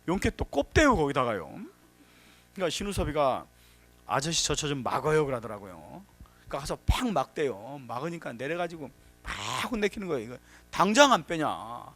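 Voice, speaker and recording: A man giving a workshop lecture on safety, telling anecdotes, acting out quotes and giving emphatic warnings. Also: on the high side. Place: workshop hall.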